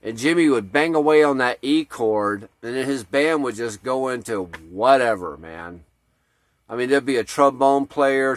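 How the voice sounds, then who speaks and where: A man tells a story in a loose, rambling way and swears freely. His voice sits at a middling pitch. The recording is dry and close. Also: a bit bright, no room sound. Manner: profane, laid-back, rambling. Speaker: off-grid vlogger. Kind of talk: casual storytelling.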